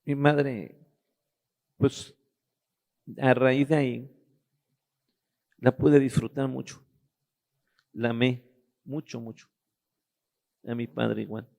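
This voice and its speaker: Middle-aged man, very gravelly and dark-toned, halting personal testimony. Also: mid-range voice, little pitch movement. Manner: halting, searching for words with restarts. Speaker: guest giving a testimony.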